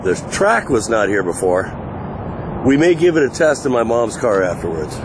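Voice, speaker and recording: A man hosting a casual exploration vlog outdoors, talking in a chatty, excitable way into a handheld phone video. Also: mid-range voice, moderate pace, background noise. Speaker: vlog host. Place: outdoors at an abandoned site in the desert.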